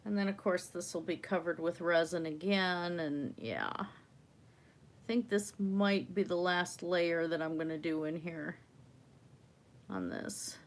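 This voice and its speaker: A woman's voice: fairly low pitch, measured pace. A woman with a slightly wheezy breath, chatting casually as she hosts an art livestream. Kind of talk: casual chat while painting.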